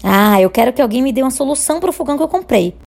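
A woman's voice: high-pitched, animated, rapid-fire, vocal fry, a little mellow, heavily acted. A Brazilian woman playing an exasperated, indignant customer in a comic radio play. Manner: indignant, protesting. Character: exasperated female customer with a broken stove. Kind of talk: radio comedy sketch acting.

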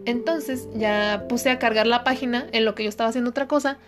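A woman's voice: a little high, fairly even intonation, fairly quick, music in the background. A young Mexican woman telling gossip in a casual chat, swearing freely and acting out dialogue. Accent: Mexican Spanish.

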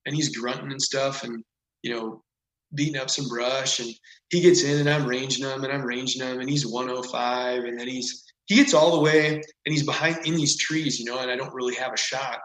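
Speaking at a normal pace in a mid-range voice, a podcast guest animatedly rambles through a story. His casual telling is packed with "like" and "whatever," recorded in an echoey room.

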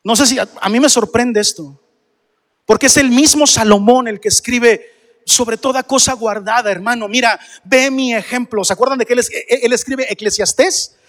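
A man preaches to his congregation in a high voice, pressing them with question after question. His voice rings out with a long reverb from the church hall around him. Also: moderate pace, a bit bright. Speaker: pastor. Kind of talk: sermon.

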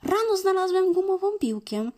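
A woman voicing a cheerful, playful little male dog in a storybook reading, high and eager. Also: sing-song, normal speed, warm tone.

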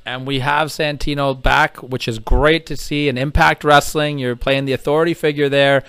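A man's voice: mid-range voice, steady tone, normal speed, a bit bright, smooth, no echo. A man interviewing a guest in a casual, enthusiastic, fan-like way.

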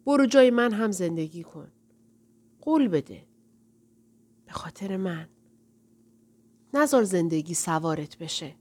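A woman voicing a weak young woman who pleads in a low, faint voice. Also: lively intonation, darkish tone. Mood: pleading.

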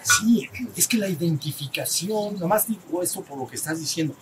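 Brief: Mexican man, spiritual teacher, higher voice, faint rumble behind, talks with a small group. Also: brisk. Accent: Mexican Spanish. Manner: conversational, asks the group for assent, acts out little dialogues.

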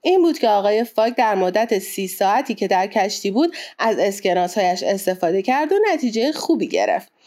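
A woman narrating a classic adventure novel in a steady, clear reading voice. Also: fairly high pitch. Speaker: audiobook narrator. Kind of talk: storybook narration.

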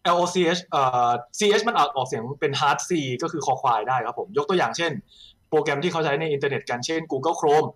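A man's voice: on the high side, fast, a bit bright. A young man working as an esports analyst in a casual post-match chat, explaining things at length and adding wry jokes.

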